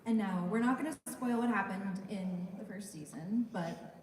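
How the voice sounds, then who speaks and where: A woman interviewer putting measured questions to a guest at a fan convention. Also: medium pitch, darkish tone, slight background noise. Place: large convention hall. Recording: roomy hall sound, mic from far off, faint crowd ambience.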